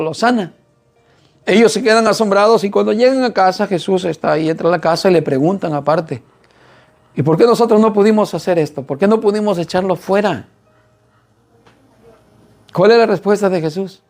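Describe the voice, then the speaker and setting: A man's voice: high-pitched, darkish tone. A man preaching a sermon in an earnest way, often putting rhetorical questions to his listeners.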